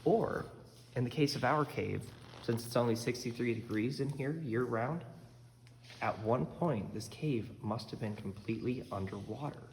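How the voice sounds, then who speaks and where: A male cave guide speaks from deep inside a very echoey cave with long reverb and clear noise behind him. He explains what is around him step by step, in an accommodating, informal tour-commentary style. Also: normal speed, a little mellow.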